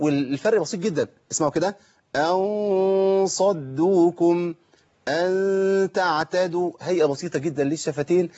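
Male tajweed teacher, Egyptian Arabic accent, fast and raised in pitch, questions himself while he teaches, dull lo-fi recording. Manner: explains by asking himself questions, then demonstrates slow, drawn-out recitation. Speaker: Quran recitation teacher. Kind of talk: tajweed lesson answering viewer questions.

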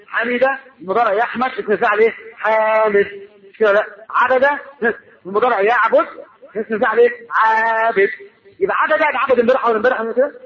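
A preacher with an Egyptian Arabic accent teaches Arabic grammar in a colloquial religious lesson, posing questions to his audience and answering them himself. His voice is high-pitched, and the sound is lo-fi.

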